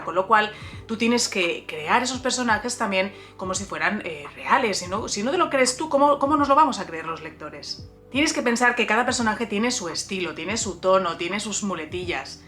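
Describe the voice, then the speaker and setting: A woman's voice: medium pitch, a bit bright. Chatty woman teaching writing. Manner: chatty, addresses viewer directly, frequent "eh" and restarts. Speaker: writer and writing coach, channel host. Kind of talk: casual video lesson on writing.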